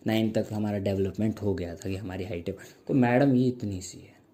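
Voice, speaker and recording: A young man with a lowish, dark voice performs a stand-up comedy set. He tells stories with slow, mock-grand stretches and throws in playful sound effects.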